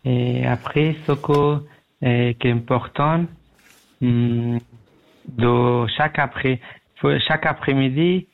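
Calling a radio station from home, a man with an Afghan accent speaks slowly in a creaky, mid-range voice with fairly even intonation, heard through a tinny narrowband phone line. He's polite but halting, struggling for words in a hesitant second-language conversation.

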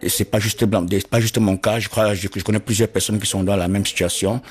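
A man from Cameroon, interviewed about his situation, speaking earnestly and haltingly, often repeating words as he searches for them. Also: on the low side, steady tone. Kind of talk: interview testimony.

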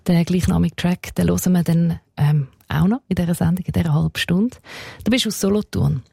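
A Swiss German woman hosts a radio interview in a relaxed, conversational dialect. Her voice sits fairly low and sounds mellow, recorded close and dry in a studio. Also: brisk, creaky, husky, no room sound. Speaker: radio host.

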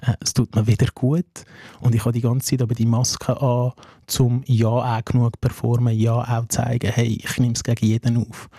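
Young man with a Swiss German accent. Interview guest. Earnest, measured, mellow tone. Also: medium pitch, flat delivery, slightly rough, no room sound, studio quality. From Afghanistan. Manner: earnest, measured, with many "hey" asides. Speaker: social worker, interview guest. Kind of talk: reflective interview talk.

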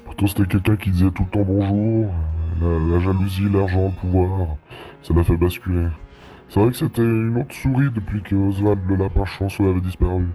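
Un homme qui joue un informateur anonyme au téléphone, sa voix passée dans un modificateur de voix qui la rend très grave, bavard et blagueur. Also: male voice, fairly even intonation, brisk, warm tone, faint music behind. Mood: confiding. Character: anonymous male informant, gossiping, punning. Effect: voice changer pitching the voice down. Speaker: caller.

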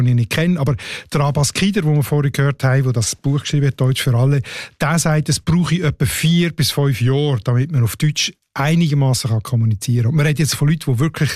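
A man's voice: medium pitch, quick pace, a little mellow, no room sound, studio quality. A man with a Swiss German accent explaining language matters on a radio show, often ending his sentences with a questioning tag. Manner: explanatory, tags sentences with "oder?". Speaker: language expert co-host.

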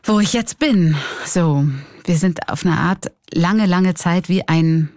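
A woman's voice: lowish voice, slow, darkish tone, dry recording, studio quality. A middle-aged woman with a Swiss German accent, a clown and comedian, talking candidly and reflectively in an interview. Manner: reflective, candid, laughs often.

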